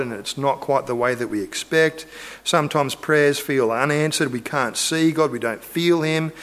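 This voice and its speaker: Male preacher, relaxed and conversational, earnest tone, acts out little scenes. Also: medium pitch. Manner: earnest, acts out biblical quotes and imagined dialogue. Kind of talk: conversational sermon.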